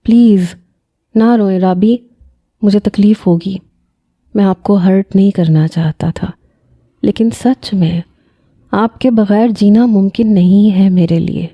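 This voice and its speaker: A woman voicing a lovesick nineteen-year-old young man who pleads softly, in a storybook reading. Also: mid-range voice, pauses often, no room sound, lo-fi sound, natural voice. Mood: pleading.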